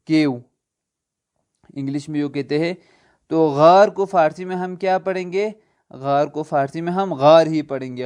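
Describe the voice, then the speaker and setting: A man teaching an online language lesson, asking quiz questions and answering them himself, slowly spelling out letters. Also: on the high side, darkish tone, clear, resonant tone. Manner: slow spelled-out letter names.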